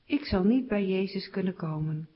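A woman voicing a blind male beggar who calls out loudly in a raised voice. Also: moderate pace, lightly acted. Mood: doubtful. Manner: crying out loudly, high-pitched. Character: blind male beggar, pleading then overjoyed. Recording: slightly dull recording.

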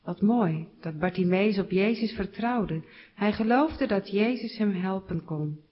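A woman's voice: medium pitch, a little slow. Woman telling a children's Bible story. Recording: slightly dull recording.

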